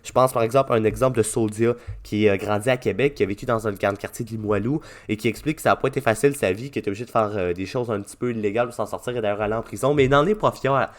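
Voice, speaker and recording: A man's voice: on the low side, very fast, few pauses. A man with a Québécois French accent hosting a radio show, talking casually with many fillers and restarts. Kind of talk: casual radio talk and interview.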